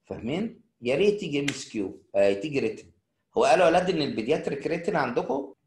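A man's voice: a little high, lively intonation, racing, darkish tone, reverberant, slight background noise. A middle-aged man with an Egyptian Arabic accent giving a casual surgery lecture, chatting to students and answering their questions.

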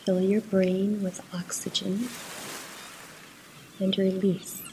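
A woman guides a meditation with a soft, occasionally breathy voice of medium pitch, soothing and unhurried. She gives short instructions separated by pauses, in a flat delivery, over a noisy background.

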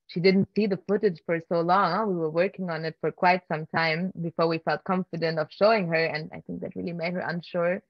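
A lowish female voice with no room sound comes through a laptop webcam on a muffled video call. The speaker, a filmmaker appearing as keynote guest, answers Q&A questions conversationally from a wooden-beamed room at home, hesitating, restarting, using many fillers and laughing softly.

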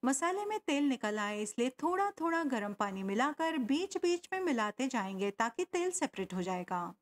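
A woman talks through a home cooking recipe. She explains step by step and adds tips along the way. Her voice is high and swings widely in pitch. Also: big pitch swings, moderate pace. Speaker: cooking channel host. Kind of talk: recipe voice-over narration.

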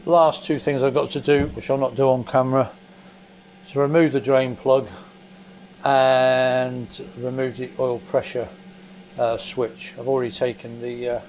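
This English man, a motorcycle mechanic presenter, has a medium-pitched, slightly mellow voice. He explains each stage of stripping down an engine in his basement workshop, a hands-on demo delivered plainly and methodically with small thinking-aloud fillers. Recorded on a camera mic above the bench showing only his hands, it carries a faint hum from an extractor fan.

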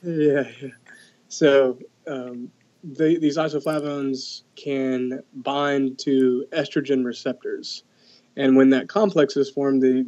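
A man's voice: mid-range voice, dark tone, lo-fi sound. A young man, a researcher, explaining his study findings in casual talk, with many "um"s and restarts. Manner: hesitant, many fillers and restarts. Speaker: guest researcher. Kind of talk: conversational expert explanation.

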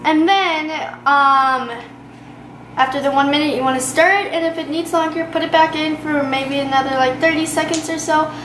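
A woman's voice: high voice, fairly even intonation, normal speed, noisy background. A teenage girl walking through a recipe at home in her kitchen, chatty and loose, full of "like" and "um", recorded on a nearby camera. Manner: chatty, explains steps with many "like" and "um". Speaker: home cooking vlogger. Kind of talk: casual cooking demo. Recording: roomy kitchen with clattering dishes.

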